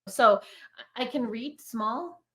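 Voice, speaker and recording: Friendly middle-aged woman speaking English; relaxed guest, a bit halting. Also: on the high side. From Germany. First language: German. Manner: friendly, laughs easily, halting. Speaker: guest, real estate agent. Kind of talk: casual chat.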